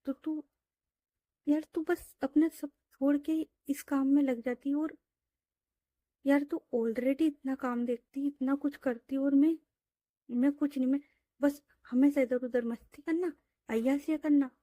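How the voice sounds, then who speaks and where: A woman voicing a pleading young woman, soft and high. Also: steady tone, measured pace, no echo. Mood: apologetic.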